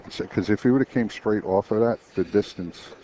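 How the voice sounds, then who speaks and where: A man's voice: fairly low pitch, moderate pace, mellow. A man commentating a pool match in a chatty way, explaining shots with frequent restarts. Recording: dull lo-fi stream audio with faint noise.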